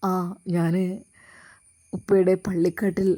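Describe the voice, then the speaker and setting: A woman's voice: lowish voice, flat delivery, takes it slowly, dark tone, voice pushed down. A woman voicing a remorseful grown man who speaks hesitantly in a subdued way.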